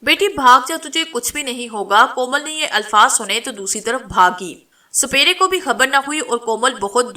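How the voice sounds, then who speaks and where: Bright-voiced woman narrating a horror story. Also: on the high side, distant mic.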